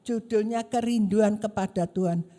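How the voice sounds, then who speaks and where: A woman pastor preaching a sermon in a church and telling stories with animated, acted-out voices. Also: mid-range voice, normal speed. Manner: animated storytelling, acting out quoted voices. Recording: long church-hall reverb.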